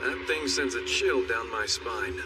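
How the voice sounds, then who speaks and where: A man's voice: medium pitch, measured pace, recorded from a distance, natural voice. An actor voicing a guarded, skeptical young man in an anime dub. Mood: wary. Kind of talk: anime English dub acting.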